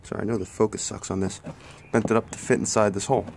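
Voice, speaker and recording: A man in a garage, working at a bench under a tent, rattles off a car part repair at a quick pace for a casual how-to vlog, filming one-handed on a phone close to the work. His voice is low-ish, gravelly, and level, his manner plain and slightly apologetic, and the recording is very noisy.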